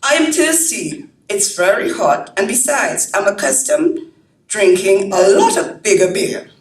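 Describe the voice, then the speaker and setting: Woman doing a dutch tourist guy, earnest, slow, echoey room, kinda far off mic. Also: mid-range voice, sing-song. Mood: puzzled. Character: jovial Dutch male tourist. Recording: roomy hall, mic from afar.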